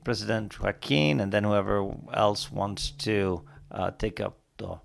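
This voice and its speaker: Courteous male moderator, gravelly voice. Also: lowish voice, steady tone. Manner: courteous, brisk. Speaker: conference moderator. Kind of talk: chairing a panel.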